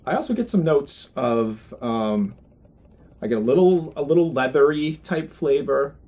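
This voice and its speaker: A man giving a casual product review as a pipe tobacco reviewer, talking in a halting, deliberate, thoughtful way. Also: on the high side, lively intonation, warm tone.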